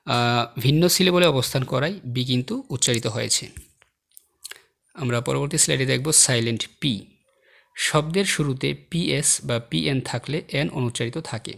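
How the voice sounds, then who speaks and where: A man's voice: medium pitch, vocal fry, a bit bright. A man teaching a slide-based lesson, reading example words one by one and explaining the rules, with clicking behind him. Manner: slow, word-by-word example reading. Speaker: English teacher.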